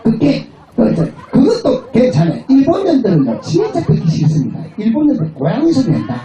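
Brief: husky man, bawdy outdoor stage comic, high lively voice, heard from afar over a roomy PA. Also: fairly quick, muffled recording. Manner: crude, swearing, mimics voices, laughs between jokes. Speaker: pumba street performer. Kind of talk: bawdy stage comedy banter with the crowd. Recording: roomy PA sound from far off, crowd. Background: crowd and music.

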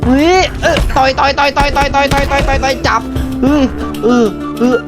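Guy live streaming a game, excited commentary, keeps repeating words in bursts, music behind him. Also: extremely high pitch. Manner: repeats words in rapid bursts, exclaiming often. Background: loud music.

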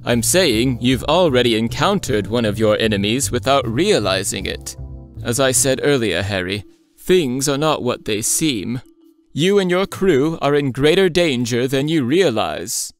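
A man's voice: medium pitch, animated, a little slow, soft background music. Playful man voicing a cartoon. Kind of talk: cartoon voice acting.

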